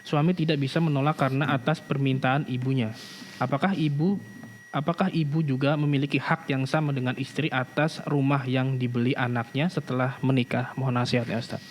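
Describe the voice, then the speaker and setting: A male moderator reads viewers' questions aloud on a live broadcast. His voice is mid-pitched, and his delivery is polite and formal. A faint hum runs in the background. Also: a little fast. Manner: polite, even, formal reading.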